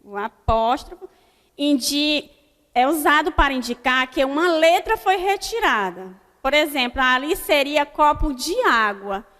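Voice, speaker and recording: A Brazilian woman teaching a recorded grammar lesson to children, spelling out example words slowly and checking in with her pupils. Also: high-pitched, expressive, a bit bright. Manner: slow, deliberate word-by-word dictation with frequent "né?" checks. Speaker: primary school teacher. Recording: long hall reverb.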